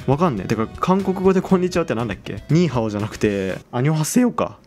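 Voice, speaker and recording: Young guy hosting a game video, chatty and excitable, voice jumps up and down, faint music under him. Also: medium pitch, rapid-fire. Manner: chatty, excitable, exclaims over items. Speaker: game channel host. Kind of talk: casual game commentary.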